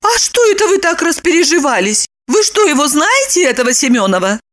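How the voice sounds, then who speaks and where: A squeaky, shrill young woman who is quick to flare up, as a female reader puts her on. Her voice shoots very high and jumps all over the place, insistent and excitable. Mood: astonished. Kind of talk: audiobook character reading.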